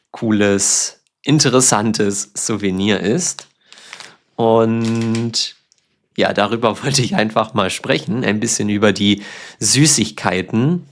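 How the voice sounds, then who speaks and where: A man from Germany hosting a language podcast, explaining words patiently with simple examples. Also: fairly low pitch. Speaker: German teacher, podcast host. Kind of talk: slow, clear teaching talk.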